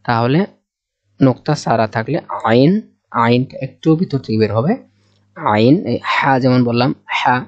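Male teacher with a Bangladeshi Bengali accent, middle pitch, patient drill-style delivery, dry and slightly muffled recording. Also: darkish tone, dry recording. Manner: patient, repeats each sound several times. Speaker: Quran teacher. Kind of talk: slow step-by-step letter lesson. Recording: dull dry close recording.

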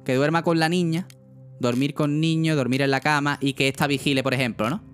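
A young man chats through a gaming livestream in a loose, casual way. He swears freely and keeps turning to his viewers for advice. Soft music plays faintly underneath. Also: fairly high pitch, steady tone, fairly quick. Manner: casual, chatty, asks chat often, swears. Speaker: streamer.

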